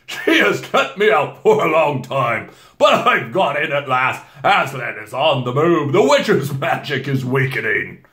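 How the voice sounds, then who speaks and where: A man voicing a huge, glad old Father Christmas, speaking slowly and grandly with a loud, booming voice. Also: very animated, echoey room, heavily acted. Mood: solemn joy.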